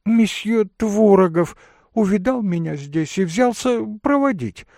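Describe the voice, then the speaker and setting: A man's voice: high voice, expressive, unhurried, mellow, no room sound, studio quality, pitched above the performer's own voice. A man reading a novel aloud, voicing a flighty, breathless lady who chatters and gushes. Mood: gushing. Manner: chirping, breathless, gushing. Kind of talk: audiobook character reading.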